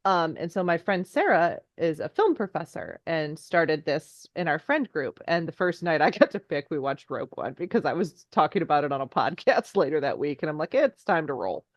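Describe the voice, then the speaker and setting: A woman's voice: deep voice, animated, a little fast, few pauses, no echo. A woman talking as a podcast guest in a casual chat, enthusiastic and rambling in long trailing asides.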